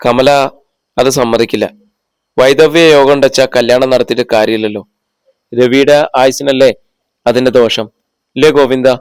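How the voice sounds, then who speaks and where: A man's voice: mid-range voice, fairly even intonation, moderate pace, long pauses, darkish tone, clear, resonant tone, no echo, lightly acted. A man voicing an older matriarch who talks in a pleading, motherly way, in a storybook reading. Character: older matriarch woman, anxious and devoted.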